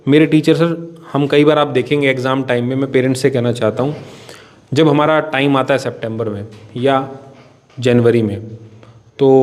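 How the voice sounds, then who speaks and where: An impassioned man speaks in a mid-pitched voice. He answers interview questions earnestly, pleading his case and calling the interviewer sir again and again. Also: darkish tone. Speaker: coaching academy director.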